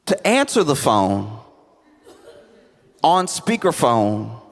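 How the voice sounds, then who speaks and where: A man telling stand-up comedy stories to a live audience in a conversational way, often repeating phrases haltingly for emphasis. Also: medium pitch, big pitch swings. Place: live venue on stage. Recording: echoey hall with audience noise.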